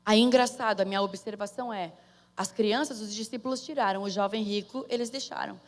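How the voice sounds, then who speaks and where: A woman's voice: medium pitch, fairly even intonation, fairly quick. A woman with a Brazilian Portuguese accent preaching a sermon in a conversational way, calling out to her listeners. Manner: conversational, calls to the audience for amen. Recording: long hall reverb.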